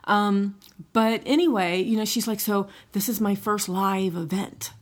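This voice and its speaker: A woman's voice: mid-range voice, measured pace. Middle-aged female podcast co-host; casual, chatty, conversational. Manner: chatty, frequent "right?" and "you know". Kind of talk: casual chat.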